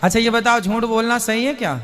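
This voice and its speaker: A man's voice: very high voice, fairly quick, a bit bright, slight background noise. A man acting as a spiritual guru, answering a questioner with teasing laughter. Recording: crowd audible behind.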